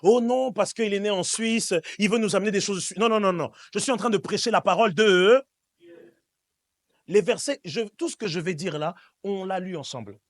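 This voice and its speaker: In a dry recording, a man from Switzerland with a voice that sits high speaks at a moderate pace. He is a pastor preaching to his congregation at a church service, using call and response, speaking emphatically and repeating himself as he addresses them directly.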